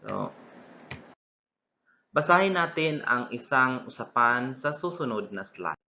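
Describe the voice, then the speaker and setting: A young man, a student teacher, giving a recorded classroom lesson, deliberate and repetitive, sometimes correcting himself mid-word. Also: mid-range voice, very animated, pushed and bright, a little hiss or hum. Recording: dull lo-fi recording.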